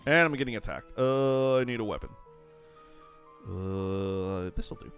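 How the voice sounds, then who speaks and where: A young man chatting casually on a live stream while gaming, excitable and rambling, laughing often. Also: fairly low pitch, unhurried, soft background music.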